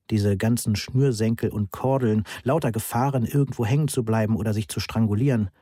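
A man reading a first-person story aloud in an even, matter-of-fact way. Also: medium pitch, breathy edge, no room sound, clean studio sound. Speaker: audiobook narrator. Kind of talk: scripted first-person narration.

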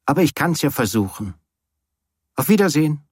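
A drowsy young woman, roused too early, answers in a plaintive, half-slurred way, as a male audiobook reader puts her on. The voice sits well above a man's register and has a husky grain. It sounds dry and close, as in an audiobook. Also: fairly high pitch, lively intonation, normal speed, dry recording, pitched above the performer's own voice. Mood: softening. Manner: plaintive, drowsy, then softening. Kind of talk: audiobook character voice.

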